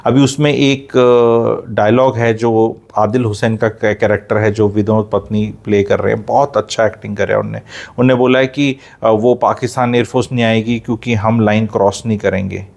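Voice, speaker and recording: An Indian man speaking as a film reviewer. He mixes Hindi and English in a casual, opinionated way and explains technical flying details like a teacher, often pausing with "uh" and restarting. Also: lowish voice, little pitch movement, gravelly, darkish tone.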